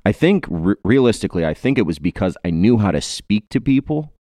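A man's voice: on the low side, sing-song, a little fast, mellow, no echo, studio quality. A man in his twenties from Ohio, hosting a podcast in a rambling, joking way with many fillers. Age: 20s. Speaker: podcast host. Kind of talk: casual podcast chat.

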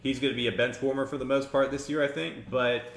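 A man's voice: mid-range voice, fairly even intonation, fast talker, vocal fry. Rambling man in an echoey room. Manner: rambling, chuckling, self-interrupting. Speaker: podcast host. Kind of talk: casual sports chat. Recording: echoey room with faint noise.

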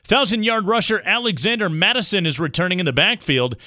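A man's voice: sits high, animated, a little fast, pushed and bright, dry recording, studio quality. A man hosting a sports show, reading a scripted preview.

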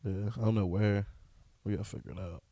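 A man's voice: on the low side, steady tone, quick pace, dark tone, dry recording. A man in his twenties co-hosting a podcast, joking and acting out little scenes in casual chat. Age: 20s. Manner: joking, acts out quoted voices, slangy. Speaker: podcast co-host.

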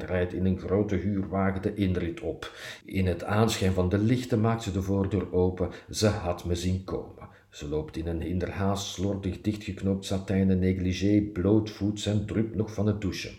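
A man's voice: deep voice, dark tone, roomy sound. A man reading his personal column aloud, with a dry, self-mocking irony.

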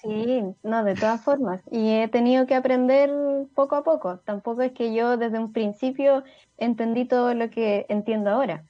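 A woman's voice: on the high side, fairly even intonation, normal speed, lo-fi sound. A young woman, a startup CEO, speaking earnestly and reflectively as a radio guest. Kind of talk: radio interview answers.

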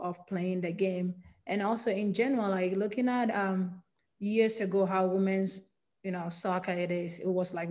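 A woman's voice: fairly low pitch, a little mellow. A woman in her twenties from Ghana, with a Ghanaian accent touched by American English, answering podcast questions earnestly with many fillers and restarts. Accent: Ghanaian with American influence. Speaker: professional footballer guest. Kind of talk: podcast interview.

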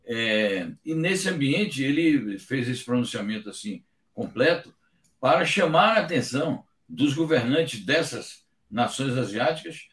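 Distant echoey man, measured commentary. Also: medium pitch, expressive, a bit bright. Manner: measured, emphatic, frequent hesitation fillers. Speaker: political commentator. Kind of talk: live-stream political commentary.

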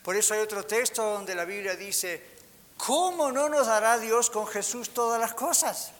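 High bright-voiced preacher in a hall. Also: male voice, lively intonation, a little slow. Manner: preaching with rhetorical questions to the congregation. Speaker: pastor. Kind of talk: sermon. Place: church hall. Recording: hall reverb with faint hiss.

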